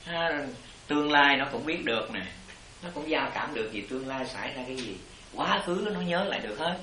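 A man's voice: a little high, animated, brisk, reverberant, a crowd in the background, rough recording. A man teaching as a Buddhist master, explaining to his disciples in a rambling, repetitive way. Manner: rambling explanations, repeats "it" constantly. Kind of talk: dharma talk answering disciples.

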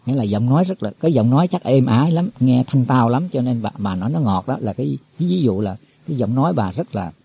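A man's voice: mid-range voice, lively intonation, quick pace, gravelly, hardly any pauses, breathy edge, no room sound. A man giving a Buddhist sermon to monks, explaining in a folksy way and repeating his words as he goes. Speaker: Buddhist teacher. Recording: tinny phone-like, dry.

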